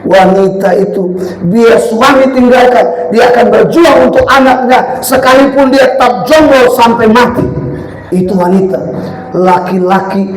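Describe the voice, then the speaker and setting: High-voiced preacher shouting in echoey church. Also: male voice, unhurried. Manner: animated preaching, shouting out points then dropping to storytelling. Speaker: pastor. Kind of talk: sermon. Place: church sanctuary. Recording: echoey church hall with faint ambience.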